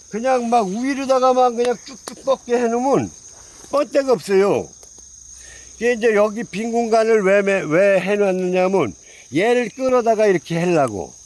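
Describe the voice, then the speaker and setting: A man's voice: high voice, a little mellow, poor audio. A man who grows pine trees, speaking, casually demonstrating pruning outdoors and repeating his phrases as he points at branches. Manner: repetitive, folksy explaining while pointing at branches. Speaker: pine tree grower.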